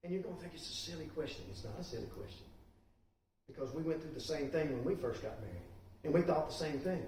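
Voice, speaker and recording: A middle-aged man, teaching a church class in a lively, joking way and prodding the class with questions. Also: on the high side, fast talker. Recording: echoey room, distant mic, faint hiss.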